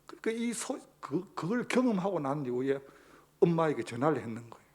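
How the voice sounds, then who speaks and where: A man's voice: fairly high pitch, very animated, a little fast, darkish tone, husky. A male pastor, preaching a sermon emphatically and posing rhetorical questions to the congregation.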